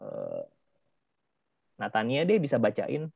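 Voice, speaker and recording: A man's voice: mid-range voice, slow pace, gravelly, breathy edge, no room sound. A man teaching a children's Sunday school class, his voice swooping up and down as he acts out grumpy friends and fires questions at the kids. The sound is dry and a little dull, like lo-fi video call audio. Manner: lively, acts out angry kids' quotes, asks questions.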